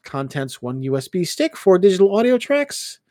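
A man's voice: sits high, normal speed, dry recording, studio quality, voice pushed up. Brash bubbly young woman, as a man puts her on. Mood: excited, teasing. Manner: excited, blunt, teasing. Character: perky loud young woman, library clerk, brash and swearing.

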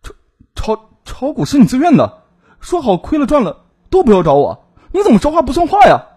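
A cornered young scholar stammers and whines in a raised, husky voice, as a male storyteller plays him. Every line sounds tense and cowardly, with wide swings of pitch. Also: huge pitch swings, moderate pace, mellow, heavily acted. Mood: flustered. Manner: stammering, pleading.

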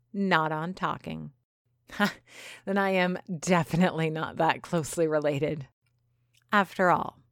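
A woman's voice: fairly low pitch, dry recording, clean studio sound. A woman reading a first-person story aloud with wry, sarcastic asides. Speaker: audiobook narrator. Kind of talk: first-person scripted narration.

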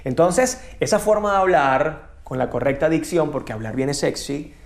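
Man coaching on voice, roomy sound. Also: expressive. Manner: deliberate, varies his pace and pitch for effect. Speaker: guest speaking coach. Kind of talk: talk-show chat. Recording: roomy echo.

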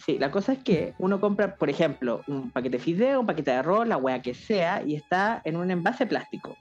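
A young Chilean woman with a fairly low voice chats loosely on a podcast, full of slang and running jokes. The sound is dull and lo-fi, with faint music underneath. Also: very animated, fairly quick. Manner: joking, slangy, rambling. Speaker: podcast co-host. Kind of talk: casual chat.

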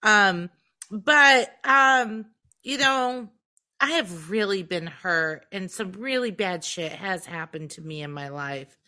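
Bright-voiced woman chatting candidly. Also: medium pitch, expressive, slow pace. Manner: candid, swears freely, lots of fillers. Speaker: podcast co-host. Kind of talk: casual chat.

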